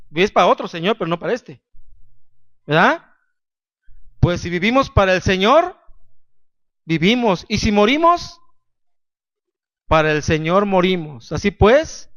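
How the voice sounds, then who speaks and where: Pastor guy preaching, kinda high voice, dull dry sound, keeps asking the church questions. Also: a bit bright, no echo. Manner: emphatic preaching with call-and-response questions to the congregation. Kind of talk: sermon.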